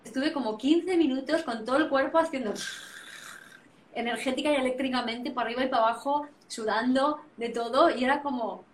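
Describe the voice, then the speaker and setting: A woman's voice: high voice, brisk, slight background noise. Spanish woman, distant and roomy. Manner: animated, repetitive phrasing, frequent tag questions. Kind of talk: reflective conversational explanation. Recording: roomy sound, distant from mic.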